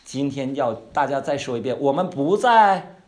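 A man giving a conversational Bible-study sermon. He asks his listeners questions and draws out key words slowly for emphasis. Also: mid-range voice, lively intonation, darkish tone. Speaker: pastor or Bible teacher.

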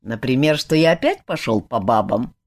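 A woman's voice: very deep voice, animated, moderate pace, a little mellow, pitched below the performer's own voice. A woman reading a huge, blunt warrior who growls and scolds with open scorn. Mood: angry, scornful.

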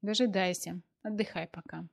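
A woman's voice: mid-range voice, fairly even intonation, normal speed, gravelly. A woman voicing a grown man who teases his girlfriend affectionately over the phone. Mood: tender. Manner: teasing, warm, playful.

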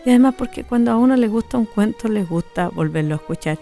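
A woman hosting a storytelling radio program, introducing the guest in an unhurried way. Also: medium pitch, expressive, creaky, dark tone, soft background music. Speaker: radio host. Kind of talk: radio presenting.

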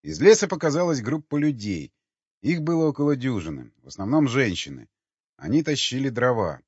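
A man narrating an audiobook with lively storytelling. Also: medium pitch, a little fast, slightly rough, dry recording. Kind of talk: scripted narration. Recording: dull lo-fi dry recording.

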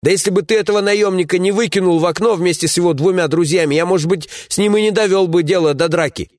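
A man voicing a fat bearded cave-dweller, loud, boisterous and quarrelsome. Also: sits high, fast, pitched above the performer's own voice, natural voice. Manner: loud mocking squabbling.

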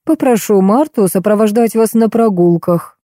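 A flustered older man hurries and fusses over his guest, as a woman voices him. The voice stays dark and mellow in a dry, close recording. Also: medium pitch, dry recording, pitched above the performer's own voice, lightly acted. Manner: hurried, fussing. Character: fussy older male host, flustered.

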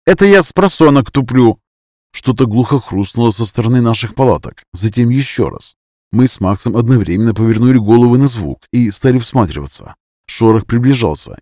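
A man's voice: medium pitch, warm tone, dry recording. Man reading a first-person story, bone-dry. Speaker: audiobook narrator. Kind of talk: first-person fiction narration.

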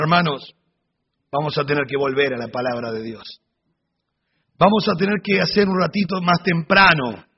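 A man teaching a Sunday school sermon, animated storytelling with humorous asides. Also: on the high side, slightly rough. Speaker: Bible teacher. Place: church hall. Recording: dull recording in a reverberant hall.

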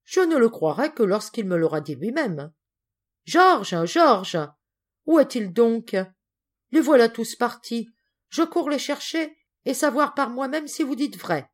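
A woman voicing an excitable, indignant middle-aged spinster cousin in an audiobook, with exclamatory, melodramatic speech. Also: fairly high pitch, a little slow, pitched above the performer's own voice. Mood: outraged.

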